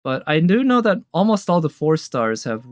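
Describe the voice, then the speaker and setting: With trailer music behind him, a man streaming his reactions to game trailers comments casually, excitedly thinking aloud in bits and pieces. His fairly high voice swings widely in pitch at a moderate pace, recorded in a clean studio with no room sound.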